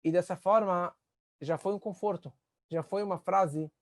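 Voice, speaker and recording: A man, a rabbi teaching a class on empathy, earnest, and acting out the voices he quotes with sudden rises in pitch. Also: steady tone, moderate pace, no room sound, studio quality. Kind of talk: spoken lesson on empathy.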